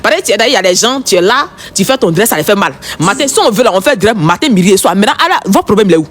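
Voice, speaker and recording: Fast-talking Ivorian woman ranting live. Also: mid-range voice, big pitch swings. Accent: Ivorian French. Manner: combative, repetitive, scolding viewers. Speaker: live-stream host. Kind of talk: live-stream rant. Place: home, early morning.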